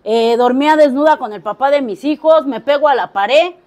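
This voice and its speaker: Crude-talking Mexican woman, high voice. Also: normal speed, darkish tone. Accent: Mexico City Spanish. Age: middle-aged. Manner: blunt, crude, slang-heavy storytelling. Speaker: speaker at a recovery meeting. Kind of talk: personal testimony to a group.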